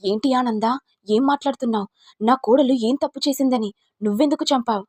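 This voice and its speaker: A woman's voice: on the high side, fairly quick, a little mellow, husky, dry recording. A woman voicing an alarmed elder sister who keeps asking anxious questions. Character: alarmed older elder sister, demanding answers.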